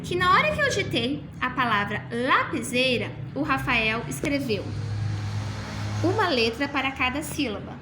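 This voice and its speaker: High-voiced woman teacher, careful and slow. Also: big pitch swings, noisy background. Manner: slow, careful explanations, sounding out words. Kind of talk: classroom teaching demonstration.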